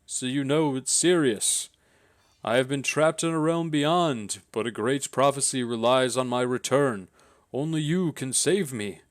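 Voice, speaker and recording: A man voicing a solemn ghostly man who delivers a prophecy, speaking slowly and portentously. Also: mid-range voice, no room sound, studio quality, natural voice. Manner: slow, drawn-out, portentous delivery.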